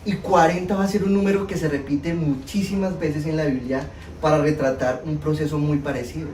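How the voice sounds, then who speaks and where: A young man with a Colombian Spanish accent preaching a sermon, telling a personal story in an animated, self-mocking way to a congregation. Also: fairly high pitch, a little fast, a little hiss or hum. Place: church hall. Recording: echoey hall, mic at a distance.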